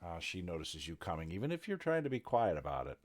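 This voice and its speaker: A man's voice: sits low, fast. A man narrating as game master in a tabletop game, describing scenes loosely with many fillers. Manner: relaxed, rambling description with fillers.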